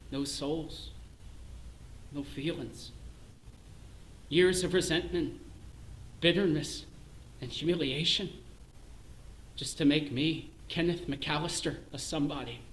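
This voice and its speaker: A man playing a bitter Northern Irish clerk. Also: a little high. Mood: bitter brooding. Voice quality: intense, self-lacerating, shifts between hushed and shouting. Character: bitter middle-aged Belfast clerk in crisis. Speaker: stage actor in a one-man show. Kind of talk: theatrical monologue. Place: performance space, live stream. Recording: roomy echo.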